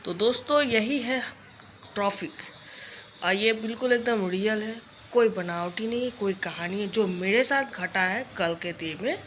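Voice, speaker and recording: Sharp-voiced young woman scolding on camera. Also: mid-range voice, slight background noise. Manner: scolding, confrontational, repeats warnings. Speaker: vlogger. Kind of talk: direct-to-camera rant vlog.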